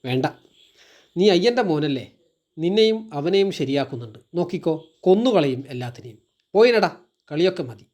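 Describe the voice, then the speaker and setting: A man voicing an angry, threatening village elder who shouts menacing threats. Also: on the high side, animated, moderate pace, long pauses, lightly acted.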